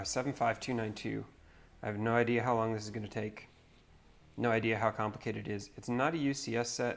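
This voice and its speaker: A livestream host from North Carolina chats casually while he builds, rambling in a laid-back way. His voice is lowish, with vocal fry.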